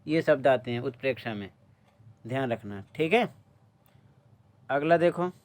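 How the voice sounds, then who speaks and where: A man teaching a Hindi lesson for exams. He quizzes his students and answers his own questions, and he clears his throat often. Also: mid-range voice, animated, normal speed. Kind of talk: exam-prep lesson explaining answers.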